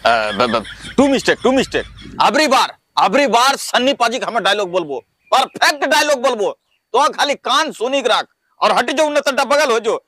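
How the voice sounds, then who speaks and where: Man as a boastful rustic dad, loud theatrical bragging, high lively voice. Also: normal speed, dry recording, heavily acted. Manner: brash, boastful, theatrical bluster. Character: boastful middle-aged village father, film superfan. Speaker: comedy sketch performer. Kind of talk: rustic comedy skit.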